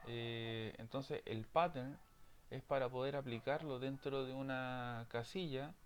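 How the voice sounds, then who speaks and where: A man's voice: medium pitch, fairly even intonation, unhurried, a little hiss or hum. A man teaching programming in a screen-recorded lesson, checking in often with his students. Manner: frequent "¿ya?" check-ins, explanatory.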